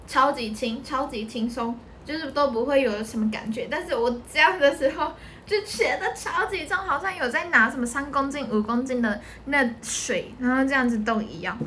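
A woman's voice: sits high, moderate pace, pushed and bright, a little hiss or hum. A young woman with a Taiwanese Mandarin accent, chatting on a livestream from home, answering comments and laughing often. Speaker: idol group member livestreaming. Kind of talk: casual livestream chat.

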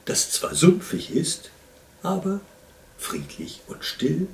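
A man reading a children's story aloud in an expressive, unhurried storytelling voice. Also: a little high, creaky, far from the mic, a little hiss or hum.

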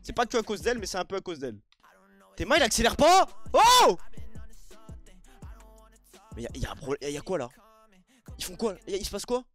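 Young French gamer, high lively voice, shouty and sulky by turns, faint music under it. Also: male voice, fast talker. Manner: swings between shouting outbursts and muttered grumbling, with sing-song taunts. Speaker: gaming streamer. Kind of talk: raging gameplay commentary.

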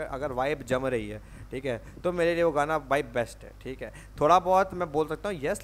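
A man hosting a music reaction video in a casual, excitable chat, who mixes English into his talk and keeps saying "bro" and "okay.". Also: on the high side, a little hiss or hum. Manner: excitable, laughs easily.

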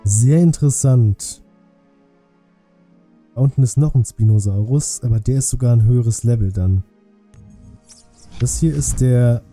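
A streamer casually commentates a game live for his viewers, thinking aloud in chatty asides from his indoor streaming setup. His mid-range voice has a dark tone, moves a little slowly and pauses often, while game music plays faintly behind.

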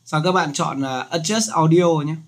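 A man hosting a casual screen-recorded software tutorial, chatty and joking as he explains. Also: a little high, normal speed.

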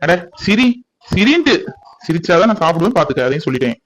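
Man doing a young cartoon husband, fast talk, soothing, coaxing, doting. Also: fairly high pitch, sing-song, a bit bright, slight background noise, rough recording. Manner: comforting, coaxing. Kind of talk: cartoon voice acting.

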